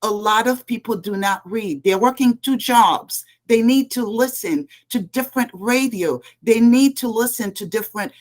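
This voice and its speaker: A woman's voice: a little high, normal speed, hardly any pauses. A middle-aged woman from Haiti, a political candidate giving emphatic answers in a panel interview and laying out her points one by one. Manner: earnest, emphatic, lists points.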